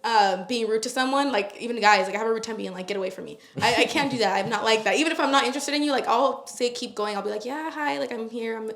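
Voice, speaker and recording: A young woman in her twenties chats quickly as a podcast guest, her voice sitting a little high. She is friendly and loose, full of filler words. The room rings with echo around her. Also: a bit bright. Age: 20s. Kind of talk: casual chat.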